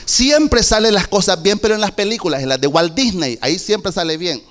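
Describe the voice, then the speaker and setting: With a high-pitched, expressive voice, a middle-aged man of Salvadoran accent preaches a testimony sermon in a church. He moves slowly and emphatically, then suddenly peaks into shouting.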